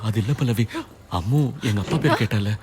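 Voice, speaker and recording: A man's voice: fairly low pitch, a little fast, a little hiss or hum, natural voice. An actor dubbing a desperate young father and husband, pleading and urgent, with film music under him. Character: frantic young father searching for lost daughter. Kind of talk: dubbed film acting. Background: loud film score.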